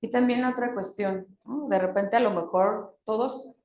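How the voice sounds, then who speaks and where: In an echoey room, a workshop speaker gives an interactive talk to a group, posing questions and acting out different tones of voice as examples. Her voice is a little high and darkish in tone, and she keeps a moderate pace.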